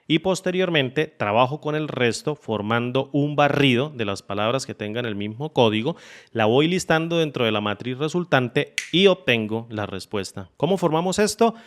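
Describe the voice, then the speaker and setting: Methodical man explaining software steps. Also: mid-range voice. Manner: methodical, step-by-step explaining, repeats phrases for clarity. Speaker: Excel tutorial host. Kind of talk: screen-recorded software tutorial.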